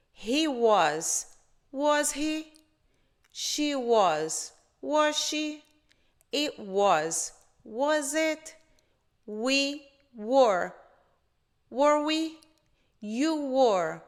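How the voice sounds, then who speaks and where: A woman from Brazil teaching an English grammar lesson, saying each model sentence slowly and clearly. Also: medium pitch. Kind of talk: slow spoken grammar lesson.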